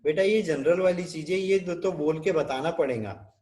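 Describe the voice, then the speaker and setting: High-voiced Indian man teaching nursing online. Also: moderate pace, a little mellow. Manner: teacherly, keeps checking with the class; switches between Hindi and English. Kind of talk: online class lecture. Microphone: video call.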